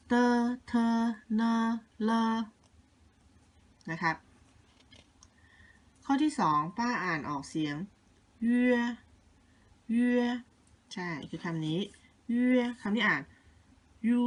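A woman's voice: fairly low pitch, fairly bright tone. A middle-aged woman teaching young children, reading out words for a listening test and then patiently going over the answers. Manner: slow, patient, repeats each word twice, stretches out sounds; coaxing and motherly toward the children.

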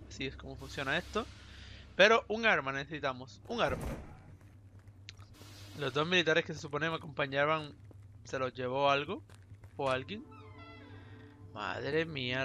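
A man from with a sore throat, chatting casually through a let's play and reading the game's text aloud. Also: on the high side. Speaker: gaming YouTuber.

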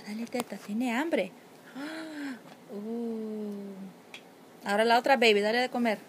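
A woman's voice: fairly high pitch, slight background noise. A young woman, a mother, coaxing her toddler in playful, sing-song baby talk in a home video at home.

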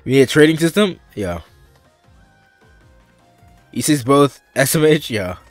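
A man's voice: medium pitch, animated, measured pace, no echo. A man streaming a video game, chatting casually and thinking aloud, often restarting his sentences. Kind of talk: casual gaming commentary. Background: faint game music.

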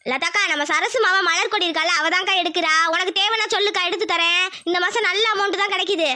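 Woman doing a fast-talking village neighbor, very high, piercing bright. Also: steady tone, full character voice. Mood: friendly. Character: chatty village woman running a savings pool.

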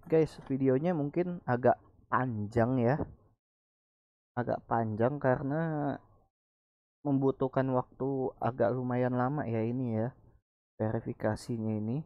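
A man with a Jakarta Indonesian accent gives a casual tutorial at a slow pace. He has a speech quirk that softens his r's, so they never roll. The recording is dull and lo-fi, with a dry, close sound. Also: mid-range voice, no room sound. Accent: Indonesian, Jakarta colloquial. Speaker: tutorial presenter. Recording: dull, lo-fi microphone.

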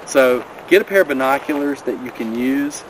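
A man's voice: medium pitch, moderate pace, low-quality recording. A man in his thirties giving a casual, practical rundown of hiking gear outdoors by a river, filmed on a camera a few steps away. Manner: friendly, practical, recommending. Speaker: vlogger. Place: outdoors by a river in a mountain valley. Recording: outdoor camera audio with clear background noise.

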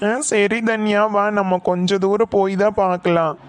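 A man's voice: high-pitched, fairly even intonation, moderate pace, a little hiss or hum. A man voicing an earnest, comforting young cousin in a cartoon, speaking with a Coimbatore Tamil accent. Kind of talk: cartoon voice acting.

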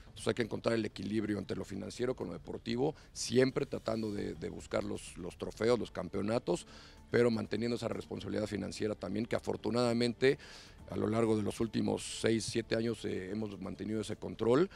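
A middle-aged man giving a measured interview answer into a handheld mic. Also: lowish voice, steady tone, gravelly, a little mellow, husky. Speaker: club executive.

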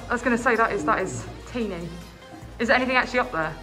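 A woman's voice: fairly high pitch, animated, very fast. Chatty girl exploring, out of breath, laughs a lot, music over it. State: out of breath from climbing. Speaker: urban explorer vlogger. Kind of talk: casual vlog narration while exploring.

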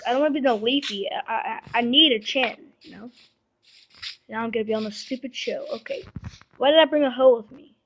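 A woman's voice: a little high, a little fast, fairly bright tone, muffled recording, a little hiss or hum. A woman giving casual, rambling commentary on her game and coaxing the animals in it, recorded on a phone mic. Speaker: gameplay vlogger.

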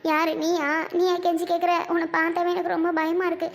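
Someone playing a very high, frightened young woman. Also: completely flat delivery, fast talker. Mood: scared pleading. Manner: pleading, fearful.

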